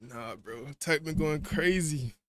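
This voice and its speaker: A man's voice: on the high side, slow pace. Laid-back man chatting while eating. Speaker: livestream guest. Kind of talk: casual livestream chat.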